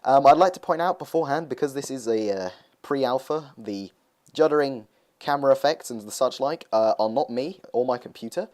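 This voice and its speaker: A man's voice: medium pitch, fairly quick, darkish tone. A young man talking casually over gameplay footage, rambling with lots of hesitations as he hosts his gaming video.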